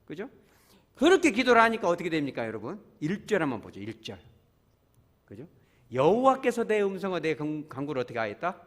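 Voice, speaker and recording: Speaking briskly in a fairly high voice, a man preaches as pastor on Sunday in a church sanctuary. His animated delivery includes acted-out prayers and short scenes, plus prompts for the congregation to join him.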